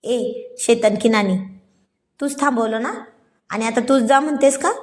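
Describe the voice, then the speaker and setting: A woman's voice: fairly high pitch, moderate pace, lightly acted. Woman reading as a teasing young husband. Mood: mock scolding.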